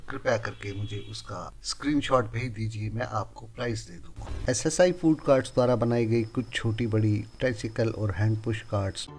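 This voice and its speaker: A man's voice: fairly low pitch, moderate pace, hardly any pauses, poor audio. A man narrating a promotional voice-over for his street food cart business, addressing viewers as friends and urging them to get in touch. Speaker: host and food cart maker.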